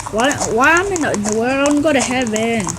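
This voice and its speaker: A woman giving chatty, excitable gameplay commentary, trash-talking other players as she goes. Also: fairly high pitch, fairly quick, noisy background. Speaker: gamer.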